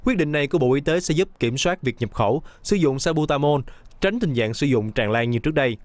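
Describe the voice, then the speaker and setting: A man reading scripted news voice-over in a brisk, even newsreader manner. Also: on the high side, no echo. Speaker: news narrator.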